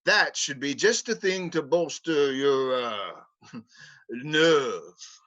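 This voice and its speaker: During a livestream script reading, a man voices a pompous male hospital psychiatrist, hesitating and stumbling over fillers. His mid-range voice is animated, fairly bright, and very slow. The home mic makes the recording sound muffled.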